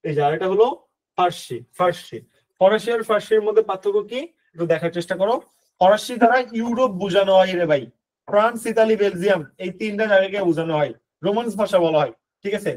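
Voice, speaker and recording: A young man teaching an admission-prep lesson, quizzing students in a lively way and mixing in English words. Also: sits high, quick pace. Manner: lively, questioning students, switching between tumi and apni, mixing in English words. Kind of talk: recorded online lesson.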